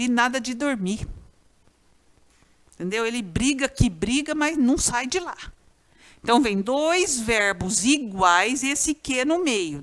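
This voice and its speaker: Lively Brazilian woman teaching grammar. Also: sits high. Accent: Brazilian Portuguese. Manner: lively, chatty, often addresses students directly. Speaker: Portuguese teacher. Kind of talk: recorded grammar class.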